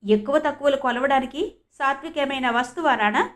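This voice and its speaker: A defiant young woman fires back sharp retorts, as a woman reads her in an audiobook. The voice is fairly high and firm. The delivery stays pointed and cutting. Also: a little fast, natural voice. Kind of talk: audiobook character reading.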